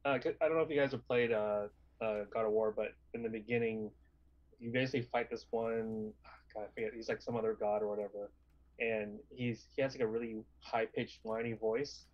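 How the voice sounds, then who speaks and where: Fast-talking man on a dull mic. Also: lowish voice, fairly even intonation, dry recording. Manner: rambling, self-correcting. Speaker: stream co-host. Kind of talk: casual chat.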